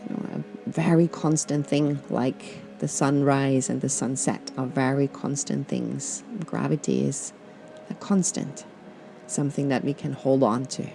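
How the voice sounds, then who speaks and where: Soft-spoken woman from Austria, gravelly tone. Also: a bass voice, level tone, faint music behind. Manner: slow, gentle, hesitant with many fillers. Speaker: podcast host. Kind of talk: guided reflection and personal talk.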